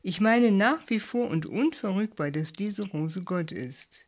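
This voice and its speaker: A woman's voice: medium pitch, animated, measured pace. A woman voicing an eccentric male physicist who scolds his friend earnestly, in a German audiobook story. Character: eccentric reverent male physicist, easily alarmed.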